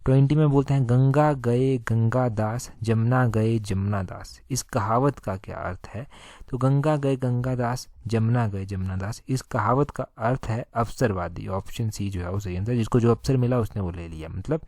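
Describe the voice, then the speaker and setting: Man explaining exam answers, mellow voice. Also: medium pitch, no room sound, studio quality. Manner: explanatory, repeats answers, slows to read questions aloud. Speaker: exam-prep teacher. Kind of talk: solving an exam paper aloud.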